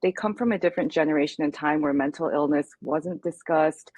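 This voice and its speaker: Here a guest speaker from the US, a woman, talks candidly and thoughtfully about her experience during an interview. Her voice sits low and a bit mellow, she speaks fairly quickly, and there's no echo.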